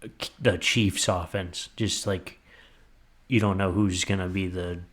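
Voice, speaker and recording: A man co-hosting a casual sports podcast, relaxed and agreeable, reeling off player stats. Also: deep voice, a little slow. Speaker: podcast co-host.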